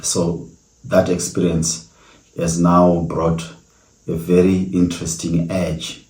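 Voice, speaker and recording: Very deep, flat-voiced South African man. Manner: earnest, reflective storytelling with many pauses. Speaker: podcast host. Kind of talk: solo podcast monologue. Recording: echoey room.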